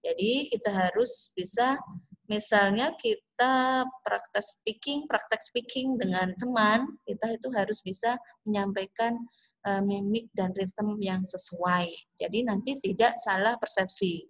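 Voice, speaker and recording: Indonesian-accented woman teacher, slow and explanatory, lecturing a class. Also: medium pitch. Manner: slow, explanatory, drawn-out English phrases. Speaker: English teacher. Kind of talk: online class lecture mixing English and Indonesian.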